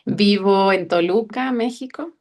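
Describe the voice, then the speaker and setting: A woman's voice: mid-range voice, unhurried. A woman in her thirties from Venezuela, introducing herself hesitantly in a group session. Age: 30s. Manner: hesitant, with fillers and soft laughs. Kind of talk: personal introduction.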